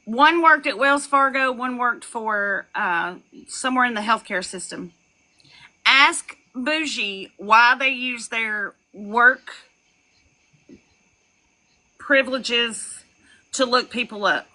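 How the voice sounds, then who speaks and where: A young woman on a live stream, ranting and gossiping in a loud, profane way, with laughs and shouted lines. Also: on the high side, slow pace, long pauses, rough recording. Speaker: livestreamer. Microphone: phone.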